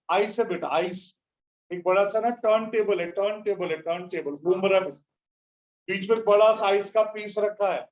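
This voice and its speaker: A man's voice: sits high, darkish tone, low-quality recording. A man teaching physics in a classroom, scolding students sternly before explaining the lesson. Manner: stern, lecturing students, calls them beta.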